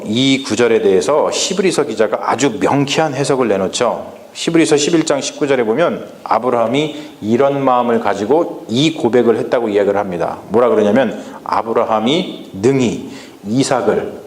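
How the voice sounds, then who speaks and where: Korean pastor preaching in an echoey church. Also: male voice, medium pitch. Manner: questions the congregation, acts out Bible lines in dialect. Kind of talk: sermon. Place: church sanctuary.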